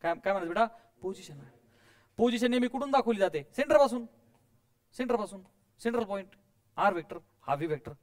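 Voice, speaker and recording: A man's voice: sits high, animated, fast talker, long pauses. A man teaching physics to a classroom of students, coaxing and quizzing them, mixing English terms in and adding playful sound effects.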